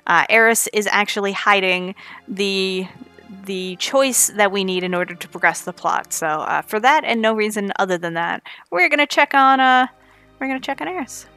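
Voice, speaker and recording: Over faint music, a woman speaks at a medium pitch and moderate pace, her tone bright and forceful. She's Canadian with a slight Newfoundland touch, keeping up playful, chatty speedrun commentary and kidding around with chat.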